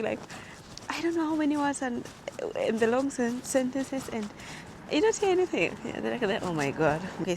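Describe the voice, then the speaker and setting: A young woman from Africa, chatting and telling stories on a casual vlog while walking outdoors, lively and quick to laugh. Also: medium pitch, a little hiss or hum. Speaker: vlogger.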